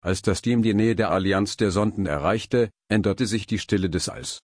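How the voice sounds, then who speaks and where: A man narrates a scripted story with an even, dramatic delivery. His voice sits fairly low, and the close recording is dry with no room sound. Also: normal speed, no echo.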